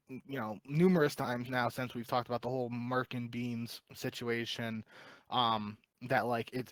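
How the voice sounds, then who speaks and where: A man's voice: medium pitch, no room sound. A man co-hosting a podcast, talking esports in a casual, rambling way with lots of fillers and restarts. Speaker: podcast co-host. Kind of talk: casual esports analysis chat.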